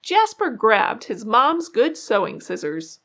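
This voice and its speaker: A woman reading a children's story aloud in an expressive way, drawing out key words for suspense. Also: on the high side, takes it slowly. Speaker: children's book narrator. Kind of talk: animated read-aloud storytelling.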